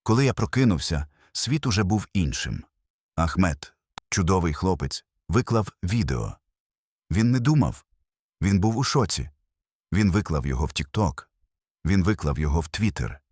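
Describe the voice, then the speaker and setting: A man's voice: sits low, very animated, moderate pace, a little mellow, slightly rough, dry recording, studio quality. An older man narrating his own testimony in the first person, earnest and emotional, in short phrases.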